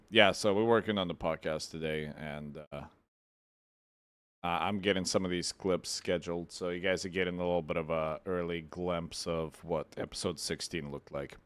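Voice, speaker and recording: A man's voice: deep voice, a bit bright, clear, resonant tone, dry recording. A man hosting a livestream, chatting laid-back with viewers while he edits podcast clips. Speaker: streamer and podcast host. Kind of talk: casual livestream chat.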